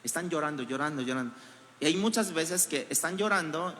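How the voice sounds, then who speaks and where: A man's voice: on the high side, animated, brisk, bright, forceful tone, in a large hall. A man preaching a sermon as pastor, with a Mexican Spanish accent, building emphasis through rhetorical questions. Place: church hall.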